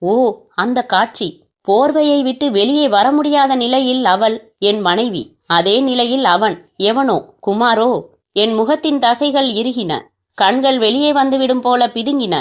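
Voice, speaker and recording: A woman's voice: fairly high pitch, measured pace. A woman reading a novel aloud, telling the story steadily and voicing the dialogue herself. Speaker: narrator.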